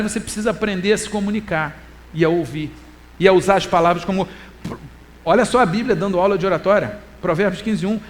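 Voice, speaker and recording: Animated Brazilian preacher man, high voice. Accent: Brazilian Portuguese. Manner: animated, swings between loud emphasis and quiet asides; quotes scripture in a slow, deliberate reading voice. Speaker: preacher and lecturer. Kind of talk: church talk sermon.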